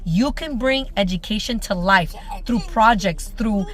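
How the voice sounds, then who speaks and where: An unhurried, slightly bright mid-range voice belongs to a homeschooling mother who hosts a vlog. Over background music, her narration sounds scripted, built from short emphatic phrases and rhetorical questions.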